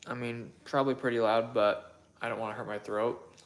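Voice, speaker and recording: A young man hosting a casual question-and-answer chat from his home kitchen, relaxed and rambling with lots of fillers and hedges. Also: mid-range voice, a little fast. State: voice partly worn from shouting days before. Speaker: channel host answering viewer questions.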